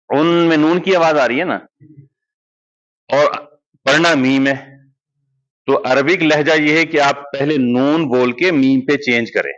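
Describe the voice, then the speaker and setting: A man's voice: fairly high pitch, fairly bright tone. Male tajweed teacher, lo-fi. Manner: explains step by step, slowly drawing out recited words as examples. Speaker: Quran recitation teacher. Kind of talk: classroom lesson. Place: madrasa classroom.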